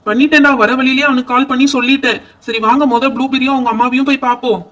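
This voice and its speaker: A helpful, chatty young boy in a doll play rattles along, as a man voices him. The voice is very high and quick, recorded a little far off the mic, with a reassuring, friendly manner. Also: steady tone, a bit bright. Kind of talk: doll pretend-play voice acting.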